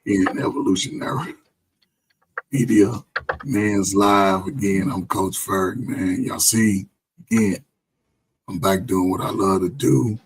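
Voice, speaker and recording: A man hosting a casual show with a hoarse, strained, nearly gone voice, sounding tired and drained. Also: low-pitched, slow pace, long pauses, a little hiss or hum, rough recording. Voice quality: raspy, strained. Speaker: show host and basketball coach. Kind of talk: casual group show talk.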